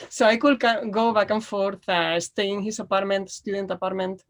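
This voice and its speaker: A woman from Spain talks as a guest over a video call. Her voice sits in a middle range and sounds relaxed, and she laughs often. A slight cough keeps her clearing her throat. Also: mid-range voice, normal speed. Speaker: guest, knitwear designer. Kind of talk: casual video-call chat.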